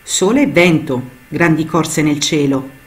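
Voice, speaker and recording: A woman's voice: low voice, unhurried. A woman voicing a young, curious female cloud in a storybook tale, with an eager, wondering manner.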